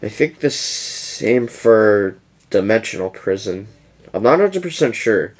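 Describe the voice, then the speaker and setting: A man's voice: lowish voice, sing-song, measured pace. A young man giving a casual, rambling deck profile to his channel, yawning as he goes. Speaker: YouTuber presenting a card deck.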